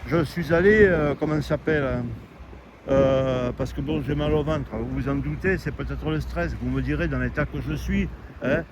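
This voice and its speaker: A man's voice: on the high side, normal speed. A man in his late sixties, a retiree ranting to the camera outdoors on a street, stammering and repeating himself as he complains. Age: 60s. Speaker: retiree vlogger. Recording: outdoor street noise behind.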